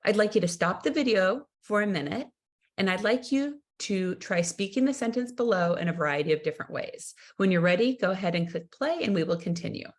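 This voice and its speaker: Excitable woman teaching a recorded lesson. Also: mid-range voice, brisk. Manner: excitable, uses lively voice inflection; addresses viewers warmly as friends. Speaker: instructor.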